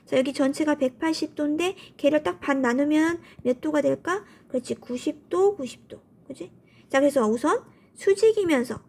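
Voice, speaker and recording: A woman's voice: high voice, gravelly, a little mellow. A woman teaching a math lesson in a colloquial, upbeat way, asking questions and answering them herself. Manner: colloquial, upbeat, often starts with "so". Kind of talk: classroom math lecture.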